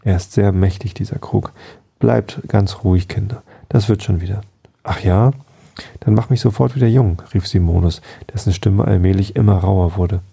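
A man reading a bedtime story aloud in a calm, soft-spoken way. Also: low voice, normal speed, creaky, slightly rough.

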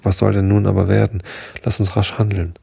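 A man's voice: fairly low pitch, level tone, brisk, vocal fry, dark tone, breathy edge, dry recording, exaggerated voice. A man voicing a worried, frightened aging farmer and father in a storybook reading, speaking anxiously. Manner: anxious, breathless.

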